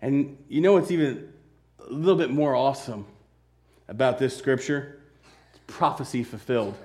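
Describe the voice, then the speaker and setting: A man preaching a sermon, swinging between loud, emphatic bursts and hushed, slow, earnest lines. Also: medium pitch.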